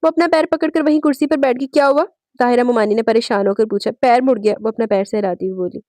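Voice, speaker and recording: A woman narrating a romance novel aloud, with a steady storytelling manner and small self-corrections. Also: on the high side, fast, no echo. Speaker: audiobook narrator.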